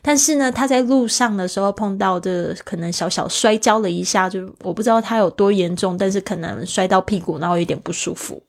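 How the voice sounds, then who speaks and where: A woman's voice: medium pitch, a little fast, gravelly, few pauses. A woman hosting a language lesson, patiently explaining English words and spelling them out letter by letter. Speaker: English teacher and podcast host. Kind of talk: bilingual vocabulary lesson.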